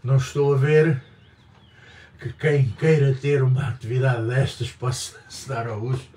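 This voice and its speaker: A man's voice: medium pitch, steady tone, a little slow, dark tone. Older Portuguese man rambling in a roomy space. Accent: European Portuguese. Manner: rambling, digressive, emphatic repetitions. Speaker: vlogger. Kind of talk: casual opinion monologue. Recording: roomy, distant mic, faint ambience.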